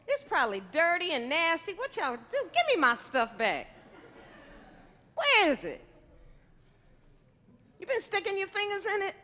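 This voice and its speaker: This middle-aged chef's voice is extremely high, pushed, and bright. She's doing a live cooking demo for an audience in a large indoor hall with a stage, playfully teasing people over a headset mic, and the recording has a long, big-hall reverb.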